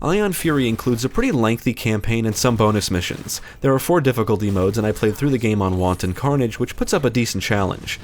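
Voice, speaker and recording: A man with a fairly low voice reads a scripted game review at a quick clip. It is a voice-over, with faint noise behind him. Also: lively intonation.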